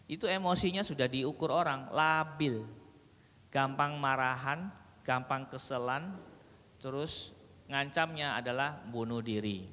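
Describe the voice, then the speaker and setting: A man speaking to an audience in a hall, telling stories and acting out dialogues with humour. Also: mid-range voice. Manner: animated storyteller who acts out dialogues with humour. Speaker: speaker at a parenting sharing session. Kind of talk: lively seminar talk to an audience. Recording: reverberant hall, faint background noise.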